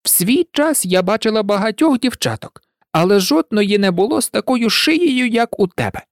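A reader voicing a frantic, shrill female pigeon who scolds and shrieks in a storybook recording. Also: lively intonation, moderate pace, dry recording, studio quality, close to an everyday voice. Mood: scornful. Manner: scolding, indignant, breaking into cries. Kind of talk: audiobook reading.

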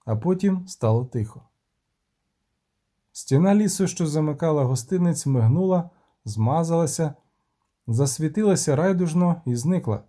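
A man narrating an audiobook in a steady, rhythmic reading. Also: a little high, moderate pace, long pauses. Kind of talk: scripted narration.

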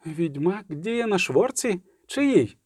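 A cautious crippled man speaks gravely and warily in a storybook reading, as a male narrator puts him on. The sound is dry and close. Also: sits high, sing-song, slow, a little mellow, no echo, exaggerated voice. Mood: wary. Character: wary crippled old man in a wheelchair, cautious.

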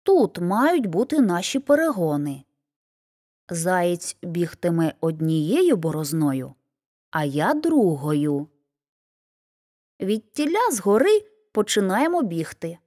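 A sly, self-assured hedgehog from a storybook, as a woman reader puts him on. He lays out his plan calmly and persuasively, with a lively rise and fall and an unhurried pace. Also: fairly low pitch, heavily acted. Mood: scheming. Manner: calm, persuasive instructions. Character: sly, confident male hedgehog.

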